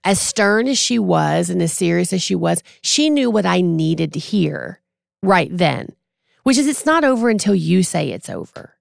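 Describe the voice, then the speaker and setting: A woman in her forties, a podcast guest, telling a personal story in a casual, animated way and acting out what others said. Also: lowish voice, normal speed, vocal fry, no room sound, studio quality. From Texas. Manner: animated, acts out quoted voices.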